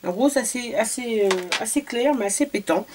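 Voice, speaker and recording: A woman's voice: a little high, moderate pace, a little mellow, slight background noise. A woman from France, a beauty vlogger, chatting casually through a shopping haul video, hesitant with many fillers and repeated words.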